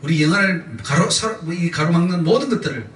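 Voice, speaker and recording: A man's voice: fairly high pitch, lively intonation, a little fast, fairly bright tone, slight background noise. A male pastor preaching a sermon with emphatic repetition, leading the congregation in call-and-response. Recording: echoey church sound from a distant mic.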